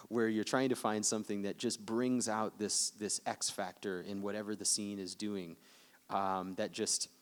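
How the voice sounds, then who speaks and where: A man with a lowish voice talks about his craft at a panel. He speaks thoughtfully and searches for words, with frequent ums. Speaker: composer. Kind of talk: panel conversation.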